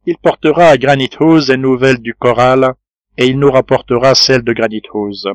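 Steady loyal reporter guy, voiced by a man reading an audiobook, dry close sound. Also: mid-range voice, moderate pace, no room sound, natural voice. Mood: earnest. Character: loyal, level-headed male reporter.

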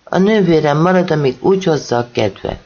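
A man voicing a drunk, furious middle-aged mother who scolds and shouts at her son. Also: a little high, expressive, dull audio. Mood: angry scolding.

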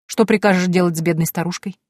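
A woman's voice: lowish voice, fairly even intonation, fast, darkish tone, no echo, studio quality, close to an everyday voice. A woman voicing a cheerful, loyal young male servant who talks eagerly. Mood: flustered.

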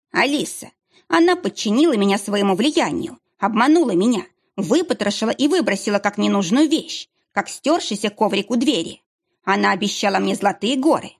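A woman voicing a whiny, pleading middle-aged ex-husband with a drawn-out, whining delivery. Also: medium pitch, gravelly.

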